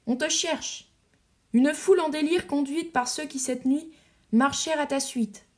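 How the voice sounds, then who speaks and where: A woman's voice: high-pitched, a little slow, pitched above the performer's own voice. A woman reading an eager male friend.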